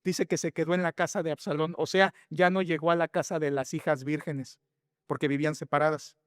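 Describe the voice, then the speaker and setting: A male pastor delivers an earnest sermon in a fairly high, smooth and resonant voice. He presses his points with emphasis and rhetorical questions, speaking directly to the congregation. The sound is dry and close, with little room echo. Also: fairly even intonation, brisk. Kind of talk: expository sermon. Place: church sanctuary.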